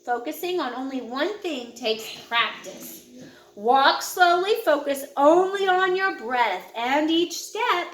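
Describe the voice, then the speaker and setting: A high-voiced woman narrates a children's picture book, taking her time and guiding young listeners in a measured, instructional manner. Her delivery is animated and fairly bright, and the recording has a roomy, echoey sound.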